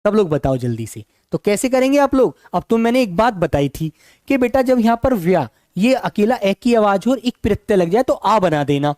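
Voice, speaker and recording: A male teacher with a sore, hoarse throat, leading an online exam-prep class in a calm, unhurried and affectionate way. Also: high voice, no echo, clean studio sound.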